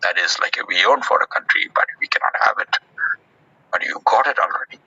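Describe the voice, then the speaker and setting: A man hosting a casual group discussion in an audio chat room, earnest and halting, with many restarts. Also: low-pitched, animated, creaky, bright, forceful tone, slightly rough, no echo. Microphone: phone in an audio chat app. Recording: muffled dry audio-room recording.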